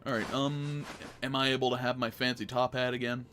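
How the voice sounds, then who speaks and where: A man narrates his detective-game playthrough in a rambling, self-mocking way. His voice is mid-pitched and ordinary. He stammers and loses his train of thought. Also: flat delivery, fairly quick, bright, forceful tone, slight background noise. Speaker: gamer playing a detective game. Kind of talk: let's-play commentary.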